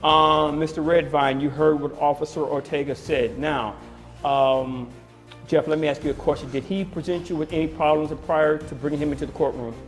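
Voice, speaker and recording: Guy judge, formal and firm, voice a bit high, faint music. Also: fairly even intonation, moderate pace. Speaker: TV court judge. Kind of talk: courtroom questioning.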